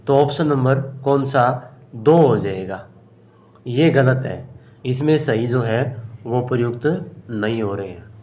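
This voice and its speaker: A man's voice: mid-range voice, darkish tone. A man teaching exam-prep grammar, working through each question aloud and answering his own questions. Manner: explains step by step, asks and answers himself; slow and unhurried, often says "okay". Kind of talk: solving a grammar test aloud.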